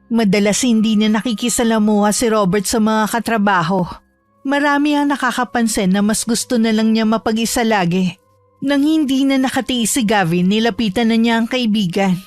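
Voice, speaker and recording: A woman's voice: a little high, normal speed. A woman narrating a true horror story in first person as the wife. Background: music.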